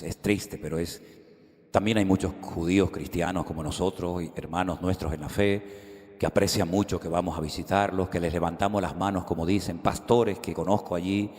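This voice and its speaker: A man's voice: low-pitched, darkish tone. A middle-aged man preaching a sermon, telling stories animatedly and acting out the dialogue. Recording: reverberant hall.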